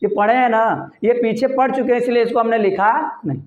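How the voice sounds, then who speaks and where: Male chemistry teacher, high voice, quizzing his own class, echoey room on a tinny mic. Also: a little fast. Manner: quizzing, asks questions and answers them himself. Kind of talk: classroom lecture.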